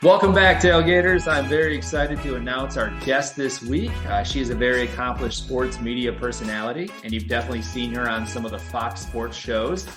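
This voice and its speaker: A man's voice: medium pitch, brisk, few pauses. Upbeat joking man hosting a podcast. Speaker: podcast host. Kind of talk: casual podcast interview. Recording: echoey room with faint music.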